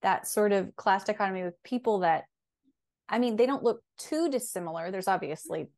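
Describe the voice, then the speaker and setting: A woman hosting an interview, enthusiastic, with hesitant, halting phrasing. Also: medium pitch, lively intonation, creaky, darkish tone. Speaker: interviewer host. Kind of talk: casual interview conversation.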